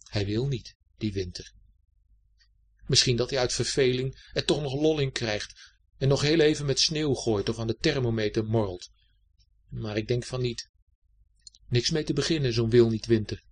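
A man reading a children's story aloud in a gentle, expressive way. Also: mid-range voice, moderate pace, pauses often.

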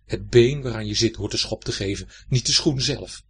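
A man voicing a calm, sensible right shoe in a children's story, low and soothing. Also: normal speed, breathy edge.

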